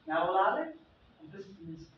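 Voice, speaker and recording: A man teaching a French class, slowly repeating phrases and examples for his learners. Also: sits high, sing-song, a little hiss or hum. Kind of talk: classroom language lesson. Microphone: far from the mic. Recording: echoey classroom from far off, dull lo-fi sound.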